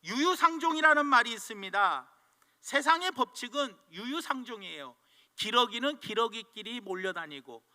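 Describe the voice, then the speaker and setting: Brief: male pastor, storytelling sermon, high and very bright voice, long church echo. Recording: long church hall reverb.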